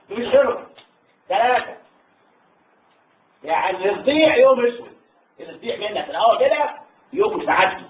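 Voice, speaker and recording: An older Egyptian man with an Egyptian Arabic accent, a war veteran telling his story to a salon audience in an animated, halting way. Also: a little hiss or hum. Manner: animated, rising into high pitch when moved, halting restarts. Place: hall at a literary salon. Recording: tinny distant hall recording with echo.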